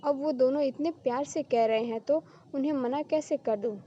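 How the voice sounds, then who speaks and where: A woman's voice: high-pitched, normal speed, mellow, muffled recording, lightly acted. Woman reading a jealous, pushy young wife.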